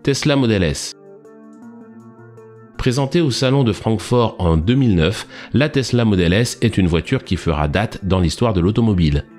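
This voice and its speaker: A man narrates in a formal, literary register, every sentence read evenly as if from a prepared text. His voice sits a little low. Quiet music runs in the background throughout. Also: expressive, normal speed. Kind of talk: scripted narration. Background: faint background music.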